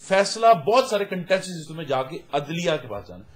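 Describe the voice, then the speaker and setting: A man speaking for a political party on a talk show, arguing his case in a measured way. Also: on the high side, big pitch swings. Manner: measured, argumentative. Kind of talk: political debate.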